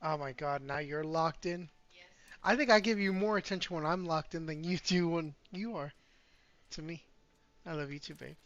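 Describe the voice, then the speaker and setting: Bright, playful man chatting on stream. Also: fairly high pitch, normal speed, no echo. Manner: chatty and playful, joking with his girlfriend. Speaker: game streamer. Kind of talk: casual livestream chat while gaming. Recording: slightly dull sound with faint music behind.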